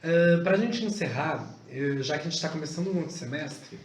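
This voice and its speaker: A man teaching a class, speaking haltingly and searching for his words. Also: a little high, lively intonation. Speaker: course teacher. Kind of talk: classroom talk. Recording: echoey room, faint noise.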